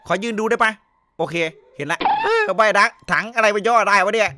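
A young man rattles off rowdy, crude jokes while commentating his shooter game, talking very quickly. His voice sits high for a man and sounds bright and sharp. Faint game music runs underneath. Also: clear, resonant tone. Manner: rowdy, joking and crude, full of swearing and banter. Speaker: game streamer. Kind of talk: comedic gameplay commentary.

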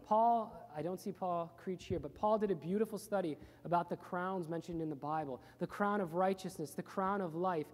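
A man's voice: high voice, moderate pace, hardly any pauses, darkish tone. Earnest male pastor preaching. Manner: earnest, plain-spoken preaching with repeated phrases. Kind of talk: sermon. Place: church. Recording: reverberant church hall.

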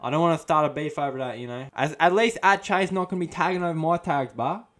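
A man's voice: fairly high pitch, quick pace, fairly bright tone, natural voice. A young man in his twenties with an Australian accent, playing a cocky, combative eshay lout in comedic commentary full of eshay slang. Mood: cocky, casual. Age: 20s. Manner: eshay slang, tacks 'bah' onto sentences. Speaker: comedy host reacting to a chatbot. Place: small room at home, indoors. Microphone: close studio mic on boom arm.

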